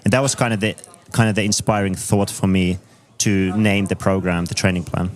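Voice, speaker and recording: A Finnish coach in his thirties, speaking with a Finnish accent, is a guest in a conversational interview. He explains his ideas in a measured, thoughtful way, with a deep voice and fairly even intonation.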